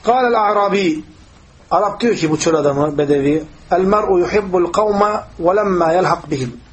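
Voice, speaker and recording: High-voiced, fast-talking male religious teacher. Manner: lively storytelling, acting out quoted voices. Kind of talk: hadith commentary lesson.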